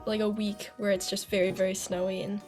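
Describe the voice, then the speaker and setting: A woman's voice: mid-range voice, flat delivery, fairly quick, darkish tone, soft background music. A teenage girl from the United States, answering interview questions earnestly, some answers sounding prepared. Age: teens. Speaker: young composer guest.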